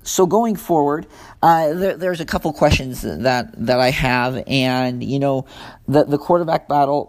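An American man in his twenties talks through a season preview on his own. His pitch sits in a middle range, and he rambles along loosely, restarting his sentences and filling the gaps with uhs. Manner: rambling, many fillers and restarts. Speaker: sports podcast host. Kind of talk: casual solo sports talk.

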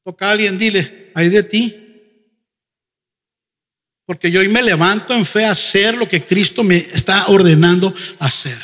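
A high-voiced man preaches a lively sermon, often slipping into quick mimicry of his congregants. His tone is bright and cutting, and the long reverb of a church hall trails each phrase. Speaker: pastor. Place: church sanctuary.

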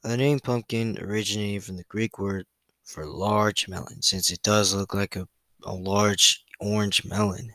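A young man with a bright, forceful, rather low voice hosts a solo podcast. He reads facts in a loose, chatty way, full of fillers, stumbles and self-corrections. The sound is dry and close, with no room around it. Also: fairly even intonation, a little slow, no room sound, rough recording. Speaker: podcast host.

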